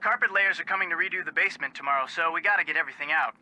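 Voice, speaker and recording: A man's voice: fairly high pitch, racing, pushed and bright, rough recording. A man voicing a level-headed, teasing young man detective in a mystery game. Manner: teasing, sensible.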